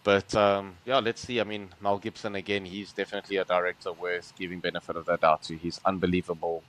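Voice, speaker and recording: A man with a very deep voice talks in easygoing podcast chat. He sounds earnest and enthusiastic, padding his thoughts with fillers as he goes. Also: flat delivery, fast talker, a bit bright, poor audio. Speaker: podcast co-host.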